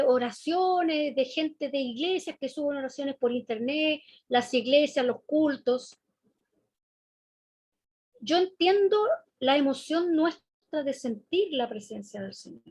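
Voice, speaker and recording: Preaching in a conversational way, a woman with a Chilean Spanish accent often asks the congregation questions. Her voice is high and a little mellow, with no room sound.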